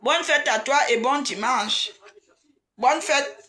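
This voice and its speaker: A woman, chatting casually and excitedly on a live stream and teasing her viewers. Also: sits high, slow pace. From Cameroon.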